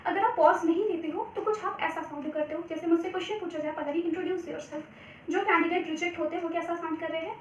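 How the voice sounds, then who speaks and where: A woman's voice: very high voice, fairly even intonation, quick pace, hardly any pauses, far from the mic, highs cut off, a little hiss or hum. A young Indian woman giving interview advice in a chatty vlog, mixing Hindi and English and often checking in with her viewers. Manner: chatty, repeats "theek hai" often; switches between Hindi and English. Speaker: vlogger giving cabin crew interview tips. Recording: echoey room, voice off-mic.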